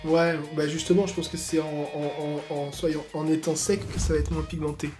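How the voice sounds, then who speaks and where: A man hosting a casual makeup tutorial at home, talking in slangy asides and breaking into excited exclamations. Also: on the high side, normal speed, music in the background. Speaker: beauty YouTuber.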